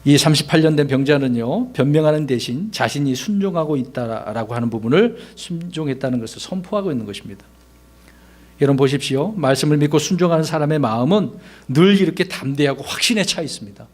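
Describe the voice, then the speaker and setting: A man's voice: on the high side, lively intonation, quick pace, darkish tone. A man, a pastor, preaching a sermon in a conversational way, asking his congregation rhetorical questions and acting out the lines he quotes.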